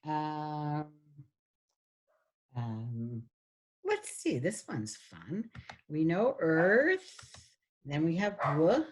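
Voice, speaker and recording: A woman's voice: sits low, big pitch swings, very slow, pauses often. A woman giving a recorded phonetics lecture, patiently demonstrating sounds while sharing her screen. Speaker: phonetics instructor.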